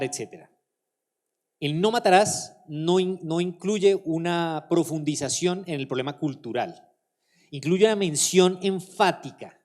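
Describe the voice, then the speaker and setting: A man lecturing at a conference, answering audience questions in a measured, explanatory way. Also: medium pitch, a little mellow.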